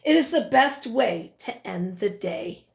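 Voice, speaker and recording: A woman teacher's slightly high, creaky voice carries expressively as she reads a picture book to small children, pausing to ask them questions.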